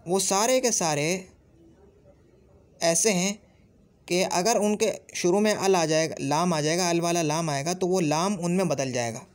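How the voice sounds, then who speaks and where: Urdu-accented guy teaching arabic grammar, voice a bit high, keeps drilling each sound again and again. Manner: repeats sounds slowly and drills each letter. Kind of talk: classroom-style grammar lesson.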